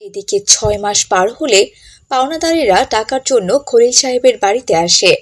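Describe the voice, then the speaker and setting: A woman narrating a cartoon story in a calm, scripted storytelling manner. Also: fairly high pitch, normal speed.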